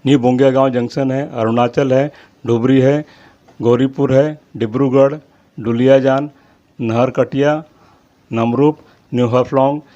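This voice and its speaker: A man hosting his own channel, reading out a long list of names in a steady rhythm and apologizing now and then for his pronunciation. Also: mid-range voice, a little slow. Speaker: channel host. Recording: slightly dull lo-fi audio.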